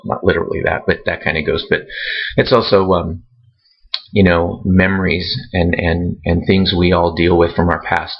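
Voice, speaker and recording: A man talking casually to his readers in a vlog, halting and rambling with many fillers and restarts. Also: low-pitched, vocal fry, lo-fi sound. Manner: self-conscious about speaking on camera. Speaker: author vlogging to readers.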